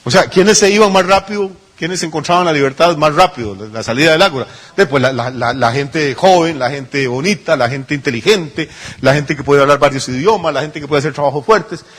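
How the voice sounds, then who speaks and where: Husky, conversational pastor preaching. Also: male voice, a little high, fairly quick, fairly bright tone. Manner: conversational preaching with rhetorical questions and acted-out asides. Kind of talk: sermon.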